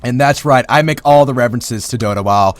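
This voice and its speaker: A man casting a live esports match, excitable and jokey, yelling at big plays. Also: medium pitch, a little fast. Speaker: esports caster. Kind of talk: live game commentary.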